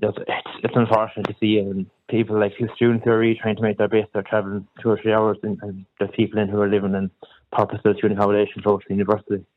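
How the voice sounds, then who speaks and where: A young man from Kerry with a West of Ireland accent calls a radio phone-in. He talks quickly and informally with little rise or fall, restarting his phrases, and his voice comes through a narrow phone line. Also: on the low side, monotone. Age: young adult. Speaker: student caller to a radio phone-in. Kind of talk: casual radio phone-in chat.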